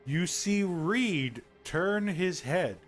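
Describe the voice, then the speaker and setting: A man's voice: high-pitched, expressive, very slow. A man acting as game master, casually moderating a tabletop role-playing game. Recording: background music under the voice.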